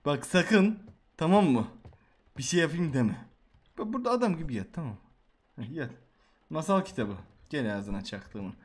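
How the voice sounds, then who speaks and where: A young man hosting a horror game video, reacting loudly with swearing and reading story text aloud. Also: fairly high pitch, very animated, normal speed, pauses often. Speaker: gameplay video host. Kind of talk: excited horror game commentary.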